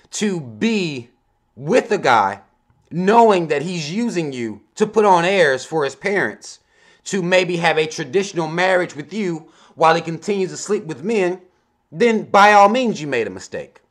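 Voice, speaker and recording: A man in his thirties hosting a casual advice vlog, reading viewer emails aloud and adding blunt, laid-back commentary with a lot of swearing. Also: fairly high pitch. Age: 30s. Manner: adds commentary between lines he reads out. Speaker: advice vlogger.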